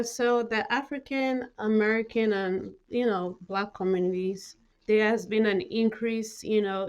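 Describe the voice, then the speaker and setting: A middle-aged Cameroonian woman with a medium-pitched, slightly mellow voice speaks as an interview guest. She is a mental health nurse practitioner, and her talk is informal and full of conversational filler, with "you know" sprinkled throughout.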